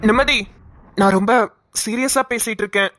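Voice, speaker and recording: A woman's voice: on the high side, fairly bright tone, a little hiss or hum, natural voice. A woman voicing a young man, a shy childhood friend who hesitantly confesses his love. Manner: hesitant, halting speech.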